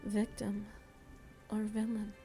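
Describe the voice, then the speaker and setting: In an ASMR roleplay, a woman plays a seductive, motherly vampire who is worldly, philosophical, and gently teasing, musing intimately and tenderly to the listener. Her medium-pitched voice is soft and breathy, often a whisper, slow, deliberate, and completely flat, with faint music behind.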